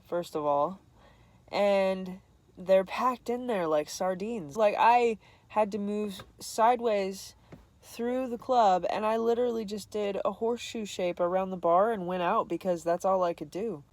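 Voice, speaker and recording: A woman's voice: mid-range voice, a little slow, darkish tone. A young woman vlogger telling a candid, self-deprecating story to camera, laughing often.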